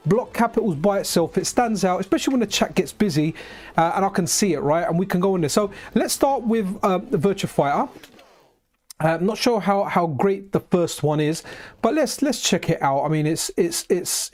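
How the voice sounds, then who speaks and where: A man hosting a live retro gaming stream, chatting excitedly with frequent restarts and asides to his viewers. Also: high voice.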